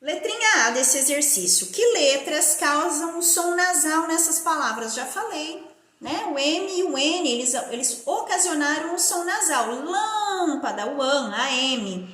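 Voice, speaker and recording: Female primary teacher from Brazil, slow and deliberate phonics drilling. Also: sits high, lively intonation, pushed and bright. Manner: slow, drawn-out syllable-by-syllable pronunciation. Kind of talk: primary school phonics lesson. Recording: echoey room.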